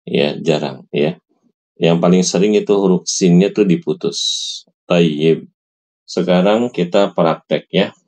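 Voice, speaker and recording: Man, recitation teacher, patient and repetitive, very low voice, slow. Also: mellow, highs cut off. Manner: patient, repeats and models recitation slowly. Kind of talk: online recitation lesson.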